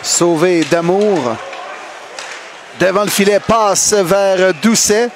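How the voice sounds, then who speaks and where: A man with a Québécois French accent calling hockey play-by-play as excited sports commentary, shouting on big plays. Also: sits high, slow pace. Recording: loud noise and crowd behind voice. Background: arena crowd and noise.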